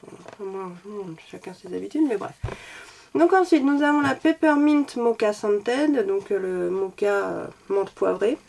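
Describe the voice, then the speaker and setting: A woman's voice: medium pitch, lively intonation, unhurried, creaky, darkish tone. A woman reviewing makeup in a chatty, self-deprecating way, a little sick and coughing now and then. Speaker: beauty vlogger.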